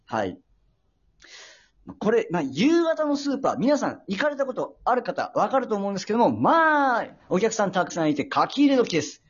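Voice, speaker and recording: A young man hosting a casual talk show, telling a story politely and hesitantly, with many pauses and filler sounds. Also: high voice, very animated, husky, muffled recording. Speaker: host.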